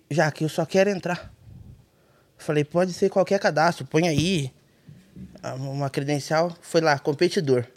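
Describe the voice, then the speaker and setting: A man with a Brazilian accent, a rally navigator guest telling a story in casual, colloquial talk and acting out the dialogue. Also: high voice. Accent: Brazilian Portuguese. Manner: animated, colloquial, acts out dialogue in his story.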